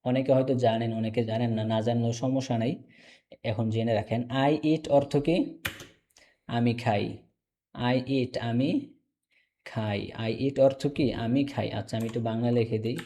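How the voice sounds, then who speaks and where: A man teaching a casual online English class, repeating each word slowly for learners. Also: medium pitch, steady tone, warm tone, slight background noise. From Bangladesh. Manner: repeats words slowly, drills.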